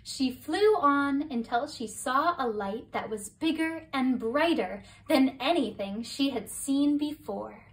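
A woman reading a children's picture book aloud as a bedtime story, slow and expressive, her voice a bit distant from the mic. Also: high voice. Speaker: storybook reader.

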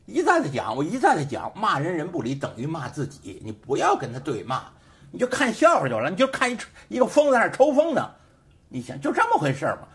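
Heated high-voiced male host. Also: huge pitch swings, quick pace, a bit bright. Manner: emphatic and repetitive, heated rhetorical questions. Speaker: show host and sociology teacher. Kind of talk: casual political commentary monologue. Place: studio.

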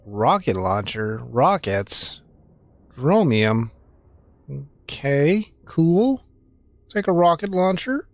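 A man's voice: fairly high pitch, very animated, slow, no echo. A young man giving playful, joking commentary while playing a point-and-click game. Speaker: streamer. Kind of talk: casual gaming commentary.

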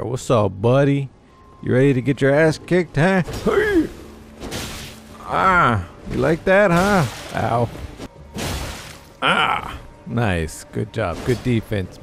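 A man's voice: mid-range voice, lively intonation, a little slow, creaky. A young man giving casual, profane commentary while playing a video game, talking back to the enemies on screen. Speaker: gaming YouTuber. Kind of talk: casual let's play commentary. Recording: game music behind voice.

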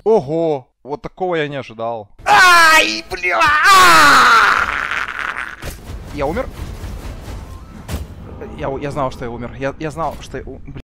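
A man's voice: medium pitch, a little fast, long pauses, over loud music. A man in his thirties chatting casually on a gaming stream, swearing and repeating himself in a self-deprecating way. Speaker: live game streamer. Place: small room indoors. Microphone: headset boom mic.

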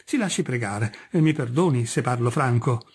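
A humble, devout workman, as a male reader puts him on, who stays polite while pleading in earnest. His voice is husky and plain, and he talks with deference but stubborn conviction. He is a storybook figure from a read-aloud tale. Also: mid-range voice, animated, normal speed.

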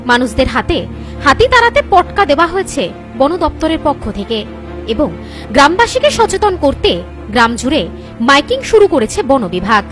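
A woman's voice: high-pitched, sing-song, normal speed, fairly bright tone, soft background music. A young woman with an Indian Bengali accent reading scripted news as a presenter.

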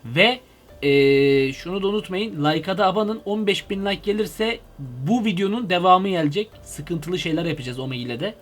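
A young man with a high voice hosts a comedy video from his home computer, speaking excitably into a headset microphone. He keeps shouting in mock fright. Faint music plays behind him.

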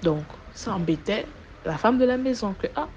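A woman giving a personal testimony, retelling events in an animated way, with sudden loud rises and repeated words. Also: medium pitch, moderate pace. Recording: muffled recording with faint background noise.

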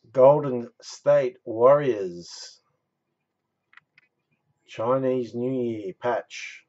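A man's voice: mid-range voice, darkish tone, dull audio. A man in his thirties hosting a live card break, calling out numbers and winners with catchphrases like a bingo caller. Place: small indoor room stacked with boxes.

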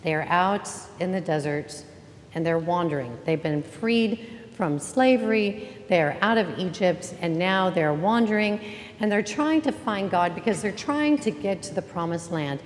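A woman's voice: fairly low pitch, lively intonation, unhurried, a little hiss or hum. A woman pastor giving an Easter sermon in a church, chatty and joking as she welcomes the congregation. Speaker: interim pastor. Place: church sanctuary. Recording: reverberant church hall, faint ambience.

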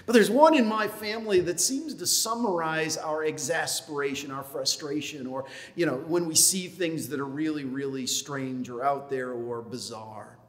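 A man's voice: fairly high pitch, moderate pace, hardly any pauses. A man preaching a folksy sermon as pastor, joking and dropping in lots of fillers. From upstate New York. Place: church sanctuary. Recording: long hall reverb in a church.

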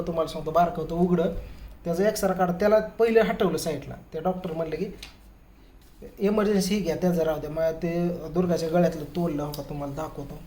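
Storytelling man in an echoey room. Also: high-pitched. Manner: lively retelling that acts out others' quoted words. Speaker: family vlogger. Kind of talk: casual storytelling to camera. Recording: echoey room with faint ambient noise.

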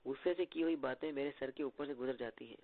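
A man's voice: medium pitch, fast talker, close to an everyday voice. A man voicing a playful, joking young male secret agent who teases his companions, heard through tinny phone-like audio. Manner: playful, bantering.

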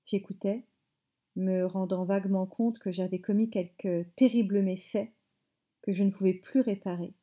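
A woman teacher reading a novel aloud in measured phrases, stopping to explain words. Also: mid-range voice, steady tone, dark tone. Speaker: French teacher.

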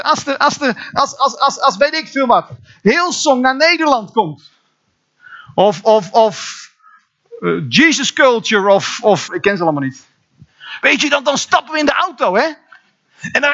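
A man with a Dutch accent preaching from a church pulpit, his high, bright voice swinging widely in pitch. He stumbles over repeated words and bursts into sudden exclamations. The recording sounds dull and lo-fi. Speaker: pastor. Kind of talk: sermon. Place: church hall.

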